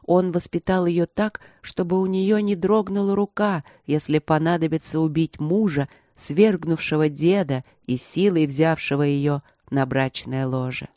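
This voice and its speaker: An audiobook reader telling a dark fantasy tale in an even, measured way. The voice sits in a middle pitch, and the recording is dry and close to the mic with no room sound. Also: no echo. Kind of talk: scripted fantasy narration.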